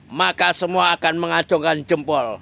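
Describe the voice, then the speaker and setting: A man's slightly high voice, marked by vocal fry and a sharp tone, moves a little slowly through political commentary. He addresses a politician directly and repeats phrases for emphasis.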